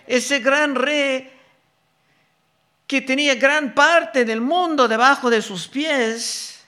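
A man preaching a sermon, reading Bible verses slowly and deliberately and explaining them. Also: very high voice, bright, forceful tone.

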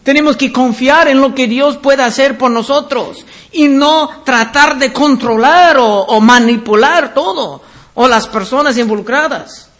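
High-voiced man preaching a sermon. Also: unhurried, fairly bright tone. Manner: reads scripture passages aloud, with slips and restarts. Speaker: pastor.

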